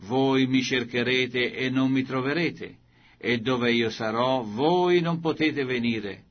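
A man voicing a solemn male religious teacher who speaks to a crowd in a slow, grave, emphatic way, in a scripture reading. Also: mid-range voice, muffled recording, natural voice. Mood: proclaiming.

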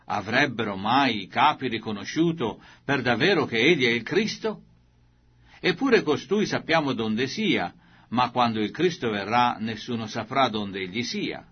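A man gives voice to wondering male townspeople who puzzle aloud in questions. The voice is husky and mid-pitched. The recording is dull and lo-fi. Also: expressive, unhurried.

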